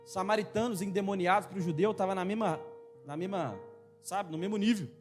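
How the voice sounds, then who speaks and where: A high-voiced man preaching in a church with emphatic, animated delivery. He calls out directly to his listeners, while faint instrumental music plays behind him. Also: brisk. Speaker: pastor. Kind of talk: sermon.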